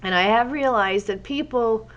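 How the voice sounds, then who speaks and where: A woman's voice: a little high, moderate pace, a bit bright, muffled recording. Woman, congested with a cold, casual rambling chat, fitness teacher, vlog. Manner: rambling, chatty, wanders off topic. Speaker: fitness instructor and journaling vlogger. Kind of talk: casual chat while drawing.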